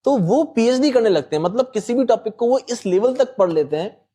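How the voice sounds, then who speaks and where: A man's voice: very high-pitched, expressive, brisk, warm tone, husky. A man explaining maths exam strategy patiently, politely addressing the host as sir. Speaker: quant teacher. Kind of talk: explanatory panel talk.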